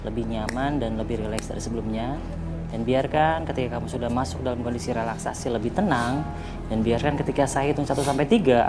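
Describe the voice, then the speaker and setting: A man giving guided hypnosis instructions as a hypnotherapist, in long repetitive phrases. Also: mid-range voice. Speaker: hypnotherapist on a TV show. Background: music.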